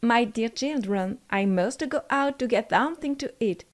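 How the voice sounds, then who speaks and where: A woman voicing a caring, protective mother goat in a storybook, warning her young in a gentle, careful way. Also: a little high, lively intonation, unhurried.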